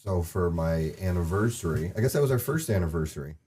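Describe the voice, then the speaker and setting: A man's voice: sits low, animated, fast, dark tone, breathy edge. A man co-hosting a podcast, talking casually with dry joking asides. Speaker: podcast co-host. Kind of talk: casual chat.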